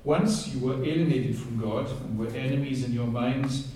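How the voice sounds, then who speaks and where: A Welsh-accented man from Wales preaches a passionate sermon and reads scripture aloud, often speeding up as he goes. His voice is warm and medium-pitched at normal speed, picked up from a distance in a very echoey hall.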